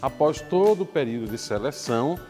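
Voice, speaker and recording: A middle-aged priest recounting a youth mission in a measured, formal way. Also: male voice, medium pitch, animated, music in the background. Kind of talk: narrated storytelling.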